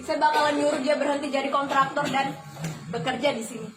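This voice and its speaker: A flight attendant in her twenties, from the Philippines, Malaysia and Indonesia, gives a motivational testimonial to an audience, speaking emphatically with rhetorical questions and repetition. Her voice sits high, with fairly even intonation and a fairly quick pace. The recording is echoey and noisy, with music in the background.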